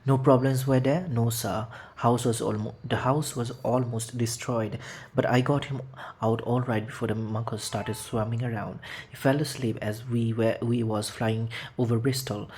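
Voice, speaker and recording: A man voicing a huge, shaggy male half-giant groundskeeper who talks in rough, broken sentences, in a storybook reading. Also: mid-range voice, fairly even intonation, normal speed, a little mellow, close to an everyday voice. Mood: gruff.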